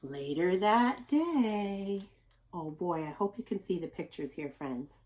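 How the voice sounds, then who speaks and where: Reading a picture book to young children as their teacher, a woman with a lower voice adds expressive, deliberate emphasis and asks questions along the way.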